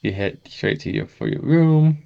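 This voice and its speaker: A man reading a horror text game aloud as a gaming host, saying the sound effects out loud as he goes. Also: fairly high pitch, animated, moderate pace, gravelly, lo-fi sound. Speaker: gaming YouTuber.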